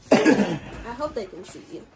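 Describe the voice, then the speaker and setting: A woman's voice: medium pitch, big pitch swings, slow, vocal fry, very noisy. A young woman in her early twenties, talking candidly and with giggles to the camera at home in a casual vlog. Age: early 20s. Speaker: vlogger.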